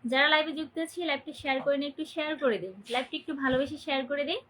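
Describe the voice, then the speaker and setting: Poor audio with a bit of hiss or hum carries a young Bangladeshi woman's high, steady, fairly bright voice as she races through a casual phone livestream from Barisal. She greets viewers by name and cheerily asks them to comment and share.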